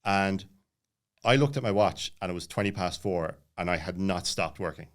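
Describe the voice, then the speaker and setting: At normal speed and in a low-pitched voice, a late-thirties podcast guest relays a personal story in a relaxed way. He meanders and jumps between points, using many filler words.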